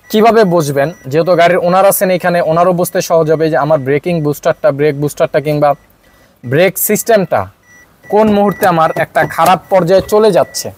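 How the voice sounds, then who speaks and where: A car mechanic with a Bangladeshi accent and a slightly raised voice walks viewers through a fault step by step. He pauses often on filler sounds as he explains. A faint engine hum runs behind him in the workshop. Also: a little high. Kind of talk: workshop demonstration.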